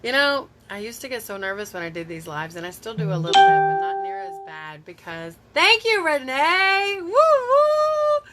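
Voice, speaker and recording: A woman's voice: lowish voice, brisk, hardly any pauses, over music. A woman, chatting casually on a live stream from home into her phone, rambling and reacting to viewer comments. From Tennessee. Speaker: beauty vlogger hosting a live stream.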